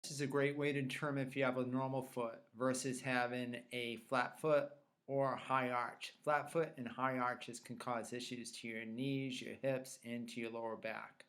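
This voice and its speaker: A man's voice: medium pitch, level tone, normal speed, a bit bright. A man speaking as a fitness trainer, explaining in a plain instructional way and giving directions step by step. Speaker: fitness trainer presenting a tutorial. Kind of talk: instructional explanation of self-tests.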